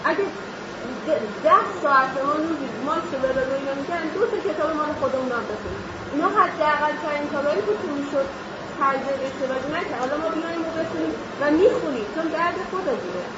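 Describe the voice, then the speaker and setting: A woman's voice: sits high, animated. A woman in the audience insistently pressing a question to a lecturer. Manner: insistent, pressing her point. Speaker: audience member asking a question. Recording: distant, echoey, lo-fi with loud noise.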